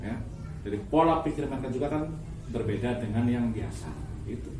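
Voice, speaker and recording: A man's voice: medium pitch, a little fast. A man giving an explanatory religious talk in a didactic way, phrase by phrase. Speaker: interviewed religious teacher. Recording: echoey, noisy, distant mic.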